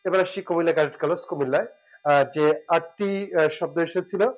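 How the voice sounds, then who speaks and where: A man teaching word pronunciation, drawing out syllables slowly with hesitant fillers between points. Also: on the high side, fairly even intonation, muffled recording. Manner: slow and deliberate, drawing out syllables. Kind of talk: pronunciation lesson.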